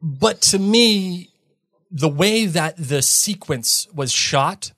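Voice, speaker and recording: A man's voice: fairly high pitch, expressive, drawn-out words, fairly bright tone, dry recording. Opinionated man on a dry mic. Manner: opinionated, emphatic. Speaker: podcast co-host. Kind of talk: casual chat.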